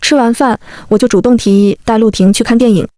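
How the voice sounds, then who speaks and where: A woman narrating a first-person story in a brisk, wry storytelling manner. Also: on the high side, fairly even intonation, mellow, no echo.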